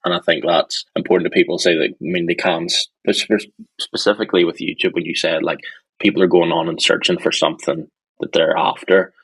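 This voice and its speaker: A male podcast co-host asks questions in a halting way, restarting often and leaning on fillers. His voice is low and a little husky. The sound is dry and close, with no room around it. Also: level tone, a bit bright, no room sound, poor audio. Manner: hesitant, rambling questions with many fillers. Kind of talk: casual podcast conversation.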